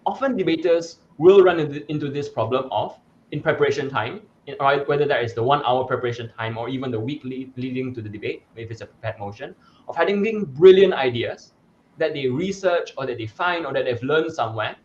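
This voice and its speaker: A man's voice: medium pitch, expressive, a little fast, lo-fi sound. A young man from Malaysia, a debate coach, answering interview questions in an articulate, explanatory way with some fillers and restarts. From Malaysia (Sarawak).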